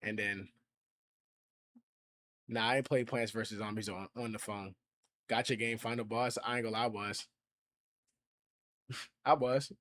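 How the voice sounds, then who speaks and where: A man's voice: lowish voice, steady tone, measured pace, pauses often, fairly bright tone, a little hiss or hum. A man in his twenties, casually chatting on a livestream in heavy slang, reacting to and reading out viewer comments. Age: 20s. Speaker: streamer.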